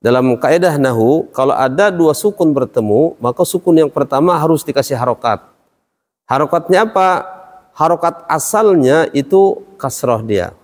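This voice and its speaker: Speaking at a moderate pace in a fairly high, expressive voice, a man teaches Quran recitation, explaining each step and quizzing the class. The room is a hall with long reverb.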